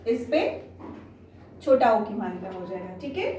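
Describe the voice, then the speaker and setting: A woman teaching a Hindi lesson to young children in an online class. She talks slowly and patiently, repeats each word, and keeps checking with "theek hai". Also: mid-range voice, big pitch swings, dark tone. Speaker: primary school Hindi teacher. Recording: echoey room, distant mic, faint noise.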